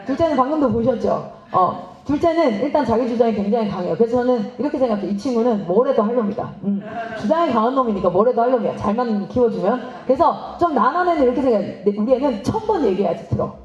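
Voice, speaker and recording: A woman missionary giving a lively seminar talk, asking the audience questions and acting out parents and children. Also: fairly high pitch, quick pace, few pauses. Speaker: missionary speaking at a teachers' seminar. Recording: roomy, slightly dull hall recording.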